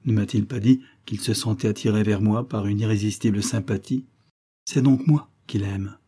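A man's voice: lowish voice, fairly even intonation, moderate pace, husky. A man doing a timid young woman. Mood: musing. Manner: soft, hesitant.

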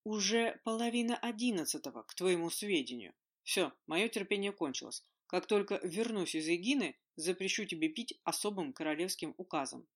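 A man's voice: sits high, expressive, a little fast, a bit bright. Reader doing a male king, stern, commanding, scolding, audiobook figure. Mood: angry.

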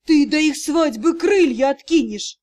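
A woman reads a brash male dragon in an audiobook, a doting cat-father with a cheeky streak. He talks loud and teasing and acts innocent. The voice sits fairly high and swings widely. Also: expressive, measured pace.

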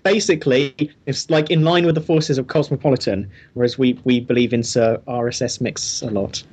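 A man's voice: medium pitch, steady tone, fairly quick, darkish tone, slightly rough. A man co-hosting a podcast in casual chat, with wry, self-deprecating humor. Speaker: podcast co-host.

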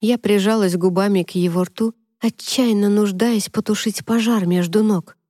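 A woman reading a first-person story aloud in steady, measured scripted narration on a close mic. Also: mid-range voice, dry recording. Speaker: audiobook narrator.

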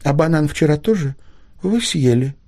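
A man voicing a young, shy and polite schoolgirl who speaks softly. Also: a little high, animated, normal speed, voice pushed up.

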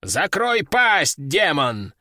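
A man's voice: a little high, very animated, extremely slow, pushed and bright, no room sound, clean studio sound, full character voice. A man doing a domineering old sorcerer. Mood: commanding. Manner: commanding and threatening. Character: stern old male sorcerer teacher, domineering. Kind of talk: audiobook character voice.

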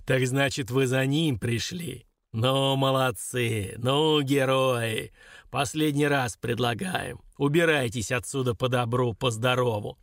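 A man reading an audiobook, voicing an unseen spirit that threatens in slow, measured words. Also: mid-range voice, no echo, clean studio sound. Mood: menacing. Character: unseen deep-voiced spirit, menacing and slow. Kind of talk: audiobook character voice.

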